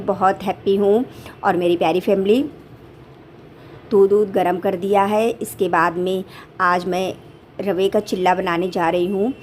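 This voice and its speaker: A woman vlogging casually from her home kitchen on a handheld phone, warmly calling her viewers family. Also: medium pitch, a little hiss or hum. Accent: Hindi. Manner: affectionate, repeatedly addresses viewers as family. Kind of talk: casual daily vlog chat.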